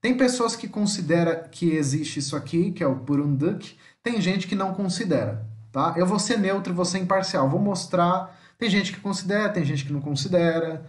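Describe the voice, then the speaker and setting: A Brazilian man teaching an online language lesson, explaining slowly and spelling out and repeating example words. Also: high-pitched, reverberant. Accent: Brazilian Portuguese.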